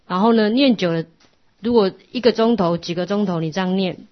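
A middle-aged woman, giving a patient, instructive Buddhist class lecture that often drops to a soft hush. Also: medium pitch, a little fast. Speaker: Buddhist teacher. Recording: lo-fi muffled recording.

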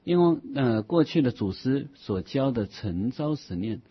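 A man giving a Buddhist dharma lecture, patiently explaining a scripture and reading its quoted passages slowly and deliberately. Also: mid-range voice, expressive, slightly rough. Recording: dull lo-fi recording.

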